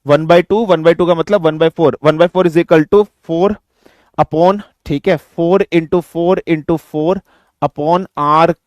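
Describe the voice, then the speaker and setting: A man teaching physics in an online exam-prep lecture, mixing Hindi and English, asking and answering his own questions and slowing down to dictate definitions. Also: on the high side, fairly even intonation, no room sound. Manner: slows down to dictate definitions word by word.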